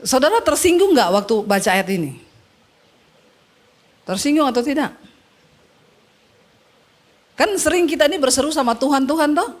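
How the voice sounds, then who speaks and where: Lady pastor preaching hard, fairly high voice, gets the church to answer back. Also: lively intonation, moderate pace, pauses often. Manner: exhorting, call-and-response, rising emphatic preaching; colloquial asides mixed with formal prayer. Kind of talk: preaching a sermon to a congregation.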